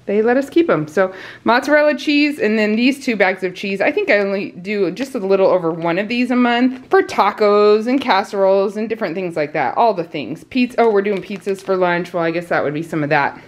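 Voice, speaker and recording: A woman's voice: mid-range voice, expressive, a little fast. A woman in her thirties from the United States, a mother of a large family who chats and laughs often while showing her grocery haul at home. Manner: chatty, laughs often, talks while handling items. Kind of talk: casual grocery haul vlog. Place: indoors at home, kitchen.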